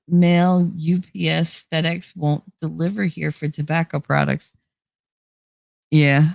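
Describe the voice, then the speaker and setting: On a dry recording, a young adult woman with a low, gravelly voice hosts a livestream. She reads live comments in a rambling, chatty way, laughing frequently, and a cold makes her slightly nasal. She speaks close to a desk microphone.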